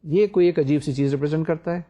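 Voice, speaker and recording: A man's voice: fairly high pitch, warm tone. An older man giving a recorded university lecture, explaining step by step and asking the class rhetorical questions.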